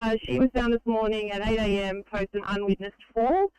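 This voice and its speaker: A woman paramedic giving a measured, methodical clinical handover over emergency two-way radio. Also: mid-range voice, fairly even intonation, darkish tone, clear, resonant tone, no room sound, rough recording.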